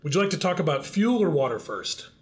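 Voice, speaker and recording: Podcast host: man, slightly higher voice, upbeat and joking. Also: very animated, brisk. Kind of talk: podcast interview.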